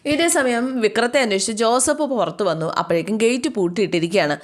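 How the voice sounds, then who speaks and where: A woman casually retelling a TV serial episode, chatty and lively as she acts out the characters' lines. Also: fairly high pitch, a little fast. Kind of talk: casual storytelling recap with acted quotes.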